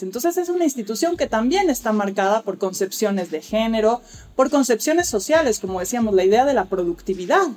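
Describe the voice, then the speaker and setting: A woman's voice: fairly high pitch, a little mellow. A woman, speaking as an expert guest and explaining childbirth care in an articulate, lecturing way. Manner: articulate, lecturing, acts out quoted dialogue. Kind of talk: explanatory interview talk.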